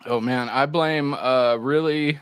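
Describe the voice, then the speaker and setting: A man's voice: medium pitch, steady tone, slow pace, clear, resonant tone, no room sound, clean studio sound. A man from Alabama guesting on a casual podcast, friendly and laid-back, telling stories. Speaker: guest grower.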